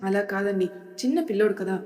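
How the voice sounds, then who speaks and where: A woman voicing a meek young wife who talks in a soft, apologetic way. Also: mid-range voice, expressive, a little fast, close to an everyday voice. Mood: placating. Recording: long reverb.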